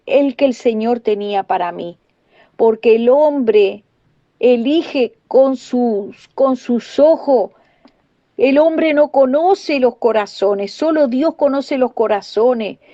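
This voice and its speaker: A high-voiced woman preaches her testimony with fervent, repetitive emphasis, speaking straight to her brethren. Her tone is soft and mellow rather than bright. The recording is dry and dull, like lo-fi audio. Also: no echo. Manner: fervent, repeats phrases, addresses listeners as brethren. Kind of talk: emotional sermon testimony.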